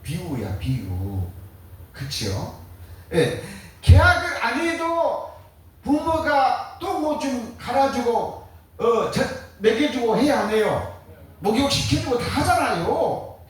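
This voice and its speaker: A man's voice: very high voice, sing-song, slow pace. A man preaching a sermon as pastor, firing rhetorical questions and answering them in a colloquial, joking way. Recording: very echoey, distant mic.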